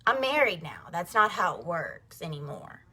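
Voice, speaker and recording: A woman's voice: lowish voice, sing-song, moderate pace, bright, forceful tone, breathy edge. A woman vlogger telling her viewers a personal faith story, chatty and emphatic, speaking straight to them. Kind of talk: casual faith testimony storytelling.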